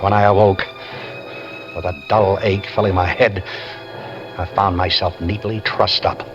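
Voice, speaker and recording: With a low voice that barely shifts in pitch, an actor speaks at a measured pace over music as a handcuffed, wary, scheming escaped prisoner. In 1940s radio acting style, he narrates in wry, tense first person, captured in a dull old radio broadcast.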